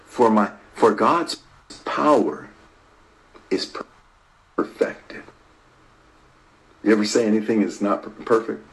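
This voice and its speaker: A man preaching a sermon, repeating phrases for emphasis and swinging between loud stress and near-whispers while talking to online viewers. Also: on the low side, moderate pace, low-quality recording. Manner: repetitive and emphatic, rising to stress and dropping to a hush.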